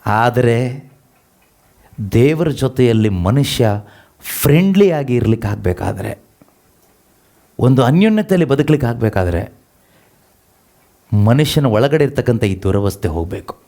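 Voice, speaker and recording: A man's voice: medium pitch, lively intonation, a little slow, gravelly, pauses often, mellow. A man preaching a sermon, asking the congregation rhetorical questions and repeating scripture lines after them. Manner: has the congregation read verses aloud and repeats each line after them.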